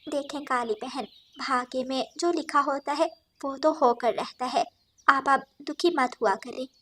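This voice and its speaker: A kind-hearted sparrow from a cartoon, speaking softly and reassuringly in a high, light voice, as a woman puts her on. She is calm and caring. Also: unhurried. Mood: gentle. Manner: soft, soothing, reassuring. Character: kind, gentle female sparrow.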